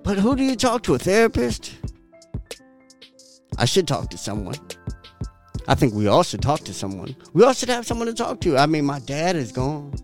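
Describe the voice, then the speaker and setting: A fairly high-voiced man delivering a motivational podcast monologue. His pitch swings widely as he repeats his points with blunt profanity and laughs often. Faint music plays underneath. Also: wildly swooping pitch, normal speed, pauses often. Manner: profane, emphatic, repetitive preaching. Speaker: podcast host.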